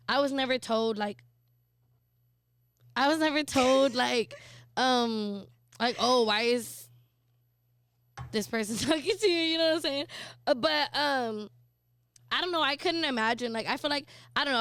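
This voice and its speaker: A woman's voice: high-pitched, fairly bright tone, dry recording. A young woman co-hosting a podcast, chatting loosely with plenty of fillers. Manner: loose, rambling, lots of fillers and laughs. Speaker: podcast co-host. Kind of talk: casual chat.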